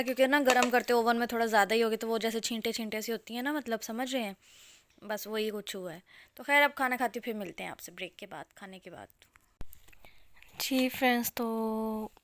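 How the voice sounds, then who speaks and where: A woman's voice: fairly high pitch, a bit bright, dry recording. A woman, a mother chatting casually to her family vlog viewers and laughing as she talks at home. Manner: chatty, addresses viewers directly, laughs while talking. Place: at home, indoors.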